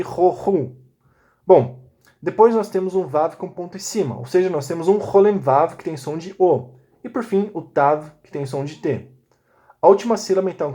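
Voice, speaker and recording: A man walks through a recorded lesson one step at a time, pausing to check in with his listeners. His voice sits a little higher than most men's, and his pace is patient and methodical. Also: darkish tone. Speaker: Biblical Hebrew teacher.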